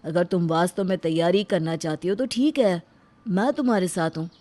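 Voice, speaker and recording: A woman voicing a humble, devoted young husband in an animated story, speaking earnestly. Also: lowish voice, moderate pace, a little hiss or hum, natural voice. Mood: eager.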